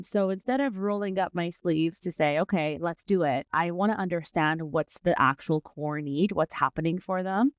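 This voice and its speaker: As an interview guest, a learning and development manager who was born in Iran and grew up partly in Dubai talks conversationally about her work. She has a deep, smooth voice, captured with clean studio sound and no echo.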